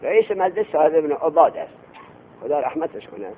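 A man teaching a classroom lecture on Arabic grammar, telling an anecdote, quizzing his students and chanting the text slowly. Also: on the high side, animated. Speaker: religious seminary teacher. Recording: tinny lo-fi lecture recording with hum.

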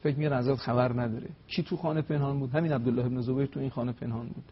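A man, a religious scholar on a talk show, telling religious history in an emphatic, storytelling way, slowing to recite Arabic phrases. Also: mid-range voice, steady tone, breathy edge, highs cut off. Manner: emphatic, rising to stressed peaks, slows to recite Arabic.

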